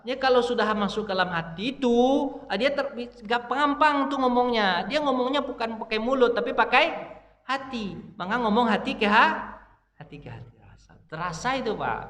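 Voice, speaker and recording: A man's voice: high-pitched, a bit bright. A man giving a casual mosque lecture, talking to the congregation and asking them questions he answers himself. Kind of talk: casual sermon to a dawn congregation. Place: mosque hall. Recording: echoey mosque hall.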